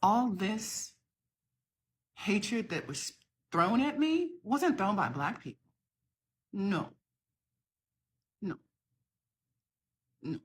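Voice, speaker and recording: A woman's voice: medium pitch, very animated, drawn-out words, long pauses, breathy edge. A middle-aged woman from the southern United States, talking to camera in an impassioned, emphatic rebuttal to another video. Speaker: social media creator.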